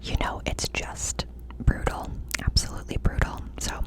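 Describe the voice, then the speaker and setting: Whispering woman, breathy and unvoiced, ASMR chat, close cupped mic, confiding, repeated phrases. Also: normal speed, low-quality recording. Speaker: ASMR creator.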